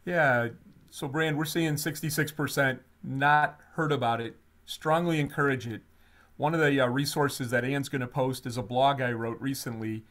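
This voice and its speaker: Male webinar co-host, mid-pitched, chatty and animated, runs polls and slides. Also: moderate pace. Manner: animated, conversational with fillers. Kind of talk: webinar presentation.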